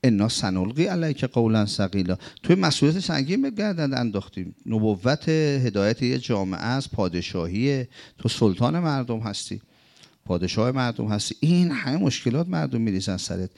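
A man teaching a sermon-style commentary on scripture, asking rhetorical questions and swinging between emphatic high phrases and low murmured ones. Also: gravelly. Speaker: religious teacher.

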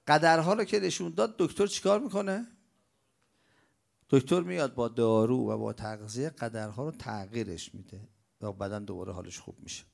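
A man with a mid-range voice and vocal fry preaches a religious lecture. He asks rhetorical questions and answers them himself, swinging between loud bursts and quiet stretches.

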